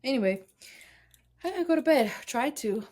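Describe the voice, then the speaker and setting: A woman's voice: sits high, animated, moderate pace, darkish tone. A woman in her thirties co-hosting a podcast over a call, talking candidly and mocking herself with frequent laughs. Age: 30s. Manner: candid, self-deprecating, laughs often. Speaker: podcast co-host. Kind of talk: casual chat. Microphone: remote call.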